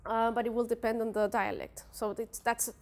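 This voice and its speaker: Giving an academic presentation of her research at a workshop, this young woman from a Spanish-speaking country speaks with the accent of her native Spanish. Her fairly high, darkish voice stays level at a normal speed, with some vocal fry, and she fills and restarts often.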